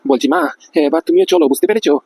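Guy doing a pushy cartoon boss, high raspy voice, fires off words super fast. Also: a little mellow, dry recording. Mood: coaxing. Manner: keeps asking if he is understood. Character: pushy middle-aged male company boss. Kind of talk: cartoon voice acting.

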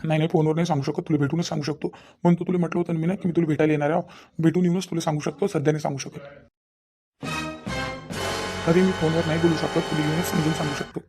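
A woman voicing a low, mellow-voiced evasive young fiancé. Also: steady tone, fast talker, long pauses, soft background music. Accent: Vidarbha Marathi. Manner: pleading, dodging, keeps promising to explain later. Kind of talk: cartoon voice acting.

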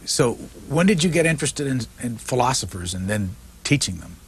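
A man's voice: medium pitch, sing-song, fairly quick, slight background noise. A man interviewing a guest with direct, probing questions.

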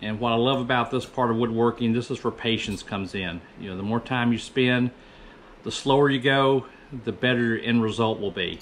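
A man in his fifties presents his woodworking project in a relaxed, rambling voice-over, correcting himself frequently. Recorded in a small indoor workshop with slight background noise, his voice is medium-pitched, a bit bright, and moderately paced.

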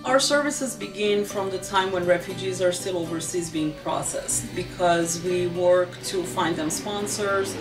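A woman's voice: lowish voice, distant mic, low-quality recording. A middle-aged woman in an office interview, speaking earnestly with frequent "you know" and "um". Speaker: refugee agency staff member. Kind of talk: documentary interview. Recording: music under the voice.

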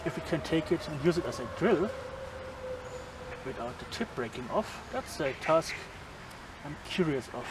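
His knife demonstration in the forest comes with casual chatter, chuckles and long pauses, in a fairly high, animated voice at normal speed. He is a bushcraft vlogger in his thirties recorded on a handheld camera mic, so the outdoor audio picks up background noise and forest ambience.

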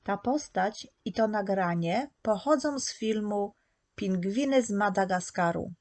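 A woman narrating a scripted preschool lesson, patient and clearly articulated as she sounds out letters. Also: mid-range voice, measured pace, a little mellow, no echo. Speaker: preschool teacher.

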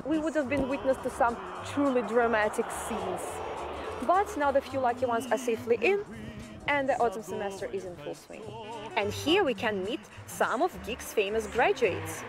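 A woman in her thirties from Russia giving an articulate, measured vlog tour as a guide. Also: fairly high pitch. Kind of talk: scripted vlog narration.

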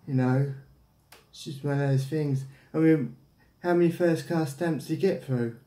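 The caller is a man in his thirties with an English accent and a fairly high, warm voice at normal speed. His casual phone chat is a prank, hesitant and rambling. He's indoors in a small domestic room, recorded by a camera about arm's length away, with an echo in the room.

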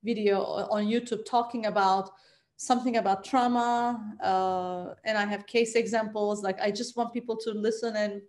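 A trauma psychologist in her forties from Turkey, a native Turkish speaker with a Turkish accent, talks conversationally as an interview guest over a video call from a bright living room at home. Her mid-range voice is darkish, fairly even in intonation and moderate in pace.

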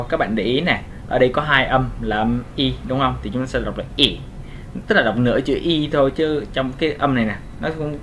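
Patient man teaching pronunciation, faint hiss. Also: medium pitch. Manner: patient, repeats sounds slowly with frequent check-in questions. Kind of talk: casual video lesson.

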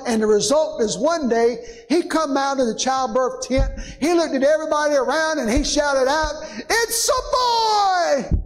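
A pastor preaching a sermon in a church, building to emphatic peaks and calling out "Amen?" to the congregation. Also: male voice, extremely high pitch, poor audio. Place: church sanctuary.

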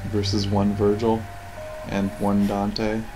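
A man offers casual, rambling, critical off-the-cuff commentary on video game cutscenes, with the cutscene audio and game soundtrack playing behind him. His voice is fairly low and completely flat, and he takes it slowly. The recording is low quality.

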